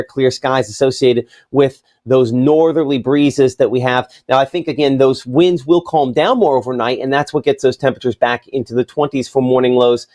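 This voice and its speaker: A man's voice: medium pitch, a little mellow. A man presenting a live TV weather forecast as chief meteorologist, talking in a loose, chatty way with fillers and asides. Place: TV weather studio.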